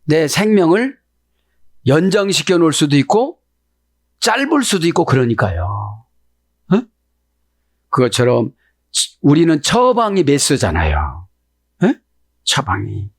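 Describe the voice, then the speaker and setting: Lively Korean pastor, dry close sound. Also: male voice, fairly high pitch, unhurried, pauses often, no echo. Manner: lively, keeps prodding the listeners with "eh?". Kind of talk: sermon on the Hebrew text.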